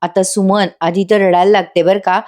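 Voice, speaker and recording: A woman's voice: mid-range voice, little pitch movement, normal speed, darkish tone. A woman narrating a chatty voice-over recap of a TV serial episode and talking directly to the viewers.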